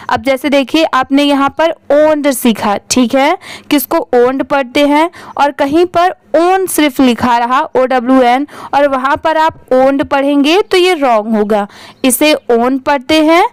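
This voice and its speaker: Woman, English reading teacher, high voice, slow, spells words out letter by letter, asks her own questions, dry sound. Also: dry recording. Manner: spells words letter by letter, then reads them slowly.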